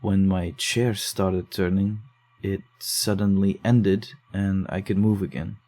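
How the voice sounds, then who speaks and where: In a psychological horror audio drama, a man narrates and plays the lead, a shaken young man investigating case files. His lowish, mellow, steady voice grows defensive and uneasy as he recounts what happened, and he speeds up when nervous.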